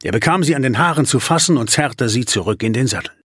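A man narrating a storybook in a measured, vivid way, recorded close on a studio mic. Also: medium pitch, expressive, breathy edge, no echo. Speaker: audiobook narrator. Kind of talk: storybook reading.

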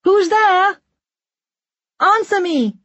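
A woman voicing a young woman alone on a snowy mountain, calling out urgently in a high, anxious voice. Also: a little slow, no echo, lo-fi sound.

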